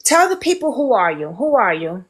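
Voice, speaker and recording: A woman's voice: fairly high pitch, big pitch swings, moderate pace, husky. A woman with a Brooklyn accent hosting a casual interview, speaking in an informal, direct, plainspoken way. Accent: Brooklyn, New York. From Brooklyn, United States. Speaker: interview host.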